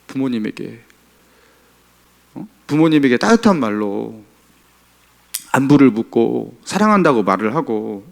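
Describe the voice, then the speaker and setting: A middle-aged pastor preaching a Sunday sermon in a church, asking the congregation questions. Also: male voice, medium pitch. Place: church sanctuary.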